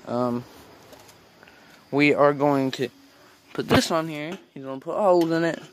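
A teenage man filming a casual farm vlog on his phone, rambling as he shows off the barn, the animals and a trailer. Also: a little slow. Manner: rambling, talks to the animals in a high baby voice. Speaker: farm vlogger. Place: outdoors on a farm and in an open wooden barn. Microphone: phone camera held at arm's length.

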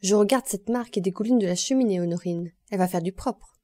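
A woman's voice: mid-range voice, fast talker, dark tone, natural voice. A woman voicing a stern, cold mistress of the house who scolds reproachfully, in an audiobook.

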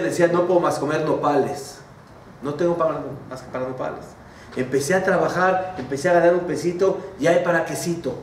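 A middle-aged man giving a sermon, animated and full of folksy diminutives, in an echoey hall heard from far off. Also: mid-range voice, a little hiss or hum. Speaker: religious speaker.

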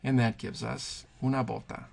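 A man's voice: medium pitch, little pitch movement, normal speed, gravelly, a little mellow. A man teaching Spanish verb conjugations, patiently thinking aloud and pointing things out as he writes. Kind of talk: explaining grammar at a whiteboard.

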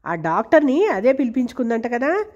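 A woman's voice: fairly high pitch, sing-song, fairly quick, darkish tone. A woman reading the lines of an arrogant, mocking rich landlord who orders his servant around. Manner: taunting, bossy. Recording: dull lo-fi recording.

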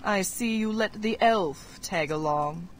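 A woman's voice: mid-range voice, faint music behind, natural voice. Woman voicing a haughty Red Wizard. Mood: cold. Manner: haughty, measured threats. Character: arrogant female Red Wizard, cold and commanding. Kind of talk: game voice acting.

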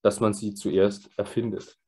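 A man voicing a calm old sage who speaks in a grave, measured teaching tone. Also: lowish voice, husky.

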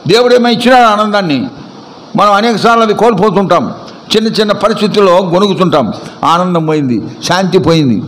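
High-voiced emphatic preacher. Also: male voice, expressive, a little fast, fairly bright tone, rough recording. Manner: emphatic, quizzing the congregation with repeated questions. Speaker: pastor. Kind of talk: sermon.

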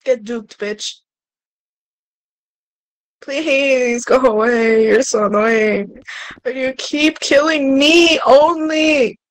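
A woman's voice: high-pitched, extremely slow, long pauses, no room sound, low-quality recording. A young woman co-playing a horror game on a live stream, swearing, yelping and laughing as she plays. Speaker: co-player. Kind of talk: live-stream gaming chat.

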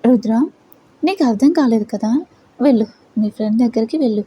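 A woman's voice: on the high side, brisk, warm tone, a little hiss or hum, lightly acted. A woman voicing a brooding, possessive young male boss who mutters and sulks. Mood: sulky. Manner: muttering, sulky.

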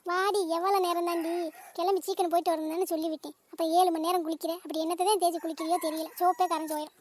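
A woman voicing a nagging cartoon mother, very high. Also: flat delivery, racing, a little mellow, slight background noise. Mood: grumbling. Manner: nagging, melodramatic. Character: scolding, wailing middle-aged mother. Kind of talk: cartoon family drama voice acting.

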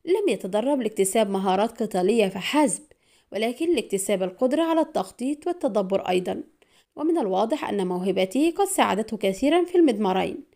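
A woman narrating an audiobook spy thriller in a brisk, dramatic storytelling manner. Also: medium pitch, animated, warm tone.

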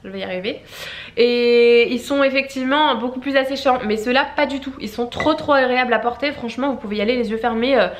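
A young woman with a slightly high voice chats quickly in a casual beauty vlog, rambling and leaning on fillers. She's recording indoors at home in an echoey room.

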